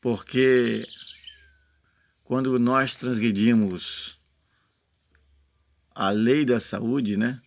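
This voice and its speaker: A man's voice: medium pitch, fairly even intonation, very slow, creaky, pauses often, no room sound. A man with a Brazilian Portuguese accent giving an informal sermon in an earnest, explanatory way, sometimes reading passages aloud and often adding short check-in tags to his listeners. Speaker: lay preacher.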